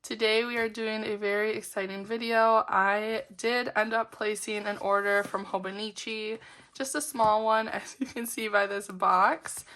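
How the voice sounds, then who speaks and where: At a measured pace, a planner vlogger speaks in a steady, mid-range, slightly bright voice as she unboxes items. Her voice is roughened and a little weird from a lingering sickness. She keeps things casual, upbeat, and giggly, with frequent fillers.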